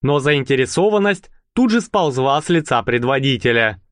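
A man narrates an audiobook in an expressive storytelling style. His voice is mid-range at a moderate pace, in a dry, studio-quality recording.

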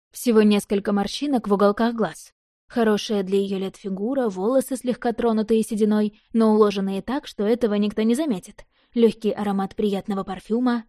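A woman narrates a first-person audiobook in a measured, expressive way. Her voice is mellow and warm, and it sits at an everyday middle pitch. The recording is close and dry. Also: no echo.

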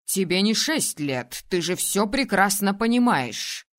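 A woman voicing a young male ruler in an audiobook, teasing and domineering, speaking low, slow and calm. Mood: stern. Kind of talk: audiobook character voice.

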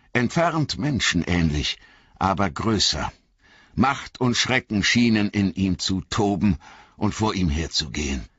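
A man reads a fantasy novel aloud in a measured, dramatic way. His low voice is bright but husky, and it moves a lot in pitch. The recording is dull and dry. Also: dry recording. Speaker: audiobook narrator. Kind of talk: scripted fantasy narration.

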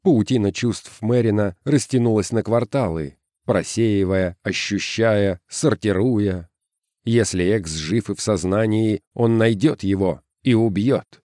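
A man narrating a science fiction story in steady, measured scripted narration. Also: on the low side, no echo, studio quality. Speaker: audiobook narrator.

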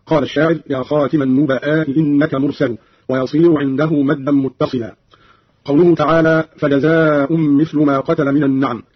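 A man's voice: on the high side, level tone, brisk, slightly rough, dry recording, highs cut off. A man reading a formal scripted explanation of recitation variants as a radio presenter, in an old radio recording.

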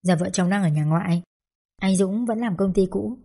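A woman reading the lines of a loud, blunt young mother who is the narrator's best friend, with a husky, mellow tone. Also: mid-range voice, normal speed. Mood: casual. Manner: loud, blunt, swears casually. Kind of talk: audiobook character dialogue.

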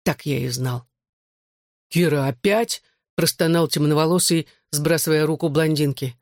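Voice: mid-range voice, fairly even intonation, normal speed, darkish tone, no room sound, studio quality. Tense first-person audiobook narrator. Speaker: audiobook reader.

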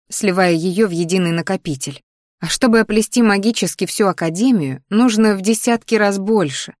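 A woman's voice: medium pitch, dry recording, clean studio sound, natural voice. A woman voicing a cheerful, bossy young female student roommate in a fantasy audiobook, talking eagerly and emphatically.

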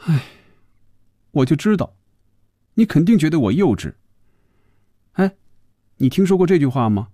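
A male storyteller voicing a young saleswoman who is touchy and earnest and gets shrill and quick when upset. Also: huge pitch swings, dark tone, breathy edge, no echo, studio quality, heavily acted.

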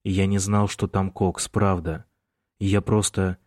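A desperate young prisoner pleads down the phone in a hushed, urgent voice, read by a man. The voice sits low and the recording is dry and close, like a storybook reading. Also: flat delivery, slow, dry recording. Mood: pleading.

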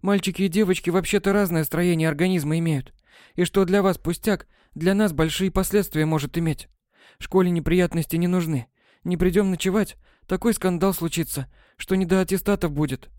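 A man reading an audiobook, voicing a sharp-tongued, practical teenage schoolgirl witch who talks bluntly and scornfully. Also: high-pitched, steady tone, brisk, no room sound, clean studio sound, voice pushed up, close to an everyday voice. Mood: lecturing. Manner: scornful, blunt, matter-of-fact.

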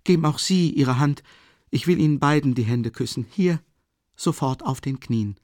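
A man reading an audiobook and voicing a drunk, excitable young man who rants fervently and loudly. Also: mid-range voice, normal speed, dry recording, studio quality, voice pushed up, natural voice. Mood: rapturous. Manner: fervent, ranting, shouting.

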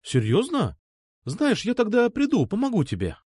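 A man voicing an eager, insistent young woman who keeps pressing to come over, with hurried pleading lines. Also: high-pitched, huge pitch swings, mellow, husky, no echo, studio quality, pitched above the performer's own voice, heavily acted. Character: young woman, eager, pushy, uneasy schoolgirl.

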